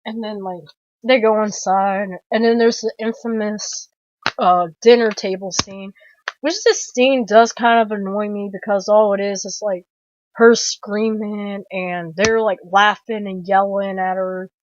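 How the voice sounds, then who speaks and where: A woman's voice: mid-range voice, fairly even intonation, a little slow, highs cut off. A woman casually retelling a horror movie's plot in a rambling way, full of "like", restarts and the odd swear word. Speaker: film reviewer.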